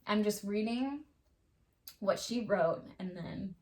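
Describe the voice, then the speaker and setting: A woman co-hosting a podcast, a mother telling stories in casual chat, animated and swearing freely. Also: mid-range voice, slow pace. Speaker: podcast co-host.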